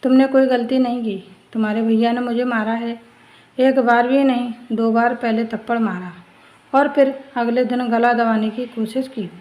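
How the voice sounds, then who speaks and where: A woman's voice: a little high, fairly even intonation, normal speed, darkish tone, close to an everyday voice, rough recording. A woman voicing a hurt young married woman who speaks in a stern, firm way.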